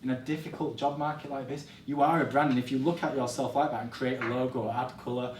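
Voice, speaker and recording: A man's voice: mid-range voice, steady tone, fast, recorded from a distance, a little hiss or hum. A young man giving an encouraging workshop talk to students, direct and upbeat. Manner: encouraging, direct, addresses audience as guys. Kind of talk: motivational presentation to students. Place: college classroom or hall. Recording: echoey room, voice off-mic.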